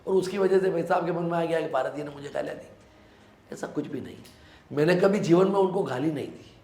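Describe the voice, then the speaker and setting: A man's voice: fairly high pitch, fast talker, warm tone, echoey room. A man from Rajasthan, a local politician, giving earnest, emphatic answers in a sit-down interview.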